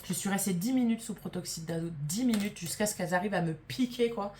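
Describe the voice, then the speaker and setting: A woman's voice: mid-range voice, fast, dark tone, slight background noise. A woman vlogger telling a story to camera in a casual way. She is emphatic and indignant, swears freely, and acts out the people she quotes.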